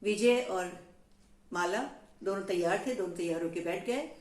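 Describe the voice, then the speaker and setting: Slow, expressive woman telling a children's story. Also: mid-range voice. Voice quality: expressive, checks in with listeners. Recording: echoey room.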